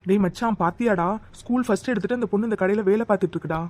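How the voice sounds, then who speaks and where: A woman's voice: mid-range voice, very fast, darkish tone, close to an everyday voice. Woman voicing a joking young man. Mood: friendly. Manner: friendly, joking. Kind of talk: cartoon dialogue.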